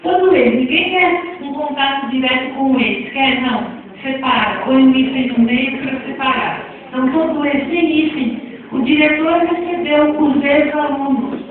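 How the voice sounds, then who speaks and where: A woman's voice: sits high, moderate pace. A woman with a Brazilian accent teaching a spelling lesson to a class, chatty and often asking the audience questions. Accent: Brazilian Portuguese. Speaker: teacher giving a talk on spelling reform. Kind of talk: classroom lecture. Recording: echoey, far from mic, phone-like sound.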